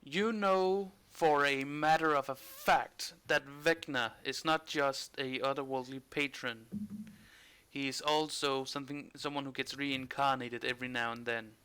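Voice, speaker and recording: A man's voice: mid-range voice, steady tone, a little slow, bright, forceful tone, clean tone. A man narrating a tabletop role-playing game as game master in a casual, conversational style.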